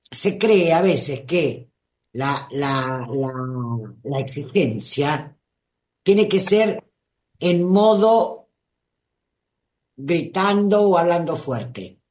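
Rioplatense lady hosting a live advice stream, slow and emphatic, calls everyone darling. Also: low voice, a little mellow. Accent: Rioplatense Spanish. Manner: emphatic, calls listeners "mi amor" and "tesoro".

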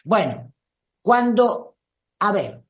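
A host with a Rioplatense Spanish accent, giving a gentle, reflective live talk and answering listeners by name like a spiritual teacher. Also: mid-range voice, very animated, very slow.

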